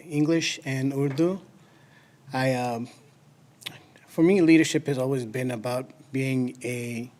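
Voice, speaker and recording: A man's voice: mid-range voice, a little mellow. A man introducing himself to an audience in a composed, formal manner.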